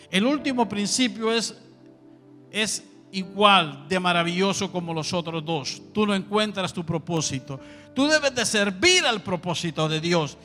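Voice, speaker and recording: Bright, high-voiced Honduran preacher. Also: male voice, in a large hall. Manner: emphatic, repeats key phrases. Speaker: pastor. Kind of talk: sermon.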